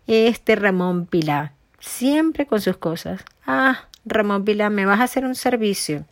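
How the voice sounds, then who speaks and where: A big bullying male tiger from a storybook, slow, mocking and threatening, as a woman narrator puts him on. The sound is dry and close. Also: mid-range voice, expressive, dry recording. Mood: sly.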